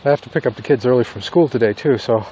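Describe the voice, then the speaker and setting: A middle-aged man with a mellow, medium-pitched voice muses aloud in a casual solo monologue. He speaks without hurry and leaves trailing pauses. He is recorded outdoors on a walk, with faint ambient noise behind him. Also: rough recording. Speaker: writer recording an audio journal. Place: outdoors in falling snow, on a walk.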